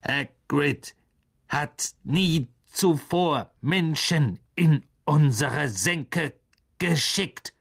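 An ancient, irritable blind spider of enormous size, as a male narrator puts him on. The voice comes out as a slow, gravelly half-whisper that hisses and stretches each word. It has a husky, breathy edge, like a storybook monster read aloud. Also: fairly high pitch, pitched above the performer's own voice, heavily acted. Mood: wary. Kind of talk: audiobook character voice.

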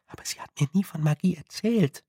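A man's voice: a little high, a little fast, dark tone, slightly rough, no echo, studio quality, pitched above the performer's own voice. A man voicing an earnest, stubborn young girl learning witchcraft, who asks firm, direct questions. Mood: puzzled.

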